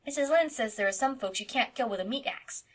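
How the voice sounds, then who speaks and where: A woman voices a mischievous eight-year-old farm boy, speaking a little fast with a lightly acted delivery. The boy is blunt, insistent, defiant and chattering, and she pitches him high and loud with childlike insistence.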